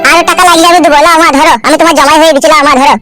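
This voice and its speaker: An eager, coaxing young son-in-law. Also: female voice, very high voice, fairly even intonation, racing, fairly bright tone. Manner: coaxing, repeats pleas. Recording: faint background music.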